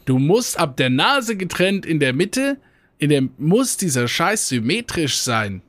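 Animated German man spinning a rambling story. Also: fairly high pitch, a little slow, no room sound. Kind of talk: casual chat, storytelling.

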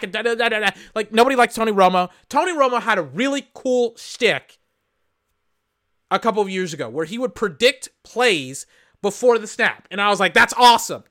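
A man's voice: high voice, sharp tone, no room sound, studio quality. A man hosting a podcast, reacting live to an awards broadcast in casual, rambling commentary, often exasperated and swearing. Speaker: podcast host.

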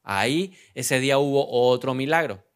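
A man preaching a sermon who asks the congregation questions and answers them himself, slowing down to stress key phrases. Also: mid-range voice, lively intonation. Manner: acts out quoted lines with sudden loud outbursts. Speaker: pastor.

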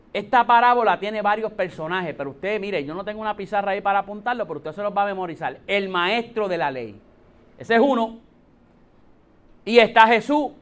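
Pastor puertorriqueño de voz aguda predicando. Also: male voice, high-pitched. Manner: animated preaching, speeding up and slowing down, addresses the listeners directly. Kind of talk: sermon.

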